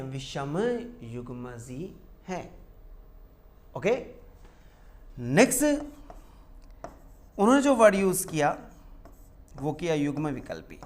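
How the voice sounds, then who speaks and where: Male teacher, lively questioning delivery. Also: a little high. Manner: asks the class questions and answers them himself; repeats key terms slowly, stretching words. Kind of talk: classroom lecture.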